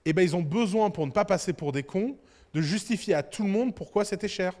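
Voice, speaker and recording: A man giving a business lecture to entrepreneurs, talking in an animated, provocative way and addressing the audience directly. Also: sits high, brisk. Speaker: business conference speaker. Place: conference hall. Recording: reverberant conference hall.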